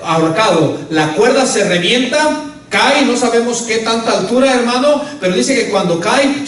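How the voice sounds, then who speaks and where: A man's voice: extremely high pitch, fairly bright tone. A male pastor preaching a sermon with emphasis, often calling out to the congregation as brothers. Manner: emphatic, often calls out "hermano". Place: church. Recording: echoey church hall, mic at a distance.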